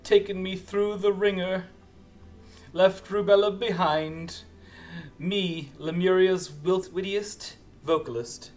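A man's voice: sits high, steady tone, takes it slowly, darkish tone, pitched above the performer's own voice. Man playing a theatrical court jester. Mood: plucky, dramatic. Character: theatrical female jester acrobat, plucky and rhyming. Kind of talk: reading game dialogue aloud in character.

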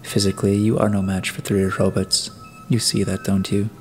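A man's voice: sits low, flat delivery, moderate pace, a little mellow, faint music behind, close to an everyday voice. A man playing a suspicious male detective who questions and gives orders bluntly. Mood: commanding suspicious. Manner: blunt, commanding, probing.

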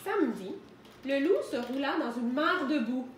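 A woman teacher reads a picture book aloud for children at home, pausing to explain words. Her voice sits high and clear. The room is echoey, with faint hiss behind. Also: lively intonation.

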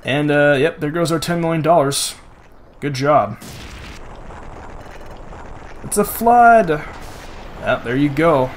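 A man's voice: a little high, takes it slowly, long pauses, a little hiss or hum. A young man hosting a let's play, rambling casually with lots of "like" and frequent swearing. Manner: rambling and profane, heavy use of "like". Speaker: gaming channel host. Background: game music.

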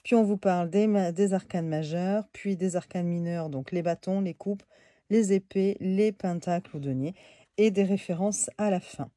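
A woman's voice: fairly low pitch, normal speed, dark tone, no room sound, clean studio sound. A woman with a head cold, talking nasally and hesitantly through a casual tarot deck review. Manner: hesitant, many fillers, chatty.

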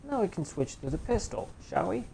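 A man's voice: fairly high pitch, big pitch swings, fairly quick, creaky, warm tone. A young man giving casual let's play commentary, talking back to the game's characters. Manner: talks back to game characters. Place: indoor room at home. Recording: faint noise, game audio behind.

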